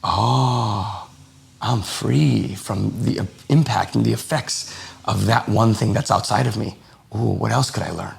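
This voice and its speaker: Man, low voice, heavy vocal fry, podcast guest, lively storytelling, acts out the voices in his anecdotes. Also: measured pace. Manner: animated, acts out quoted dialogue. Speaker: podcast guest, lifestyle coach. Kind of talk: casual interview storytelling.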